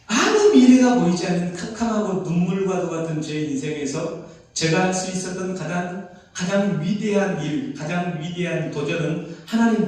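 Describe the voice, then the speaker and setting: A man's voice: high voice, darkish tone. Korean pastor guy preaching, tossing questions at the crowd, super echoey far-off hall. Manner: asks the congregation many questions, acts out quoted voices. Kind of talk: sermon. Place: prayer retreat hall.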